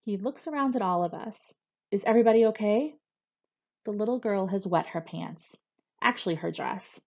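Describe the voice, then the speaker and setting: A woman reading a first-person novel aloud with steady, expressive storytelling. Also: mid-range voice, normal speed, vocal fry, dull audio. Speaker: reader.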